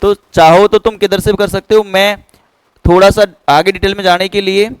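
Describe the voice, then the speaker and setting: A man's voice: high voice, little pitch movement, moderate pace, clear, resonant tone, no room sound, poor audio. A man teaching a chemistry class, who keeps checking whether students have understood. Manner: keeps quizzing students with "clear?". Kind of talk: classroom lecture.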